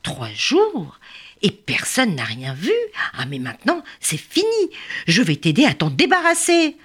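A woman voicing a small, clever male bird who speaks in a low, calm, reassuring way. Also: unhurried, breathy edge, heavily acted.

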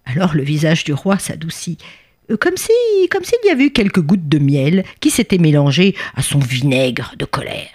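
Expressive woman telling a children's story. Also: low-pitched, husky. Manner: expressive, drawn-out, playful.

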